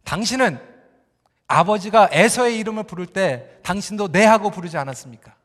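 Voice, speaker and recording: A male pastor acting out a young wife who answers her husband's accusations with sharp, indignant retorts. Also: high voice, animated, fairly quick, in a large hall, voice pushed down.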